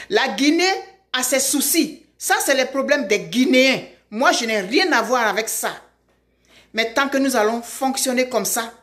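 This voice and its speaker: High-voiced impassioned woman. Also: a bit bright. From Ivory Coast. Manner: emphatic, repeats her calls for emphasis. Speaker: vlogger. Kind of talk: impassioned direct-to-camera appeal.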